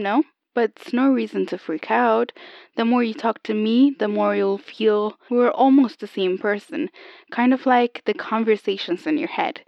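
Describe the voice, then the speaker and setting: A woman playing a calm AI copy of an older woman, heard over an old telephone line, explaining patiently and a little haltingly. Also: on the high side, no echo. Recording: dull lo-fi phone sound, dry.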